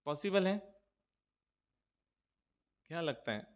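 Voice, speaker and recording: A man's voice: on the high side, animated, slow pace. A man preaching as a Jain monk to a gathering, talking casually, joking and throwing rhetorical questions at his listeners. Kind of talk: conversational sermon to a gathering. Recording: long hall reverb.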